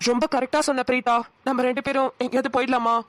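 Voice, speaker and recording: A woman voicing Vikram, a gentle young husband in a cartoon, speaking in a soothing, reassuring way. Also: sits high, level tone, fast, background noise, close to an everyday voice. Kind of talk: cartoon voice acting.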